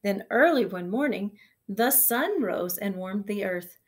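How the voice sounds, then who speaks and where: A woman kindergarten teacher reading a picture book aloud to her class, gentle and expressive, sometimes dropping to a soft whisper. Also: mid-range voice, a little slow. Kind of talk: storybook read-aloud for children.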